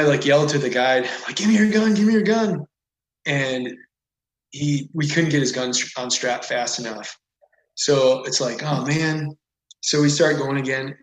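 A man's voice: medium pitch, a little hiss or hum. A man as a podcast guest, telling a story casually and animatedly, with lots of "like" and "whatever.". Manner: animated, rambling with frequent "like" and "whatever". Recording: echoey room.

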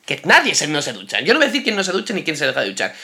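Excitable young man, bright lively voice. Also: on the high side. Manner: excitable, exclaiming, quick to laugh. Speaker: podcast co-host. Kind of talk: casual chat.

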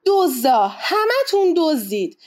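A woman's voice: on the high side, lightly acted. Woman doing a hot-tempered ship captain. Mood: indignant. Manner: shouting and indignant.

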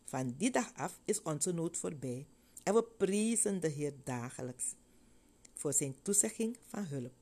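A woman's voice: low-pitched, animated, measured pace, dark tone. A woman voicing a weary, devout mother who speaks in an earnest, heartfelt way.

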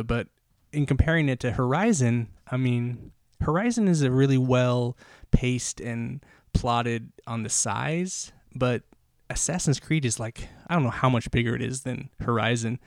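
A man's voice: mid-range voice, no room sound, studio quality. A man hosting a solo podcast, talking enthusiastically in a rambling way with lots of fillers and restarts, a little out of breath. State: slightly out of breath. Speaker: podcast host.

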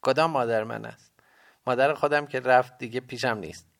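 A man's voice: mid-range voice, steady tone, gravelly, fairly bright tone, voice pushed up. Man doing a poor young errand boy. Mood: earnest. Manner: plain, earnest answers. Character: poor dirty errand boy, about ten, earnest.

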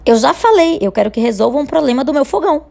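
A woman's voice: high-pitched, lively intonation, fast talker, vocal fry, mellow. A Brazilian woman playing an exasperated, indignant customer in a comic radio play. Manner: indignant, protesting. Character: exasperated female customer with a broken stove. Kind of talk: radio comedy sketch acting.

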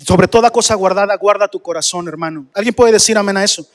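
A man preaches to his congregation in a high voice, pressing them with question after question. His voice rings out with a long reverb from the church hall around him. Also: quick pace. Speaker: pastor. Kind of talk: sermon.

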